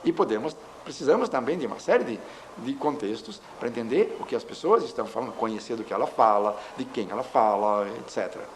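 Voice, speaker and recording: A man giving a measured lecture, explaining with examples. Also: mid-range voice, expressive, low-quality recording. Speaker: linguistics lecturer. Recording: faint background noise.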